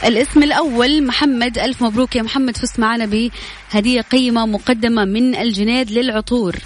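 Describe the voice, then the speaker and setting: A woman's voice: a little high, fairly even intonation, fairly quick, over music. A woman with a Saudi Hejazi accent hosting a live radio quiz, chatty and congratulatory as she announces questions, winners and prizes. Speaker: radio quiz show host. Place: radio studio with music behind.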